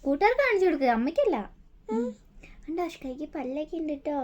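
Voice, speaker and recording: A woman's voice: high-pitched, big pitch swings, fast talker, darkish tone, highs cut off. A woman with a Malayali accent, a vlogging mother who talks to her baby in coaxing, teasing baby talk and chats to viewers. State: toothache. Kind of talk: family vlog, talking to baby and viewers.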